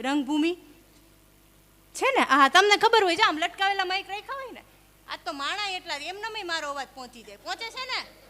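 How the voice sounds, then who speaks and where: A woman's voice: very high-pitched, lively intonation, fairly quick, sharp tone. A young woman performs stand-up on a live stage. She talks into a stage microphone, chatty and teasing with the crowd. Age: young adult. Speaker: stand-up comedian. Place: live stage at an event hall.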